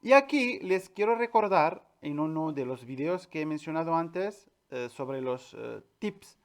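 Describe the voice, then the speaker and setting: A man teaching a French pronunciation lesson, clear and patient, repeating each example word slowly and with stress. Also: fairly high pitch, animated. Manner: addresses viewers directly, with filler "eh". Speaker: language teacher.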